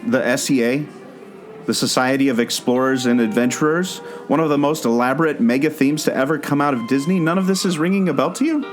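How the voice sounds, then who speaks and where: In a scripted audio play, a man earnestly explains a mystery like a storyteller guiding his listener along. He's a podcast co-host and former theme park skipper, speaking briskly in a mid-range voice. Plucked guitar music plays behind him.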